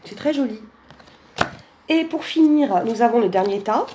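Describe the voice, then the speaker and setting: Mellow-voiced chatty woman vlogger. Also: a little high, animated, moderate pace. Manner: chatty, many fillers, laughs often. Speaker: vlogger presenting a card deck. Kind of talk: casual chat.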